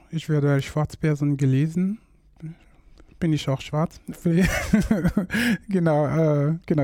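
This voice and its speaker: Male guest, high and mellow voice, dry recording, halting delivery. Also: dry recording. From France. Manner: hesitant, many fillers and repeated "genau". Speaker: guest, educator.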